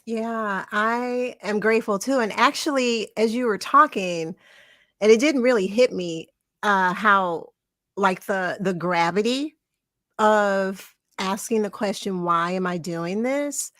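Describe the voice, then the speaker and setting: A woman's voice: mid-range voice, slow, fairly bright tone, dry recording. A woman co-hosting a casual talk show, chatty and reflective, laughing often as she shares stories. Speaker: podcast co-host. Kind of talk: casual conversation.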